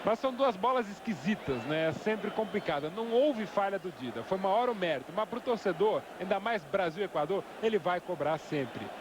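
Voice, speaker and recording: A man's voice: high voice, animated, a little fast, few pauses. A Brazilian man giving live football analysis as co-commentator, explaining his opinions in long asides. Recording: noisy outdoor stadium broadcast. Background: stadium crowd noise.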